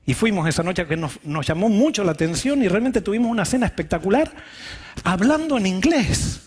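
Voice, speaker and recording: A man's voice: high voice, lively intonation, fast talker, a little mellow, husky. A male pastor, preaching a sermon and telling a candid personal story.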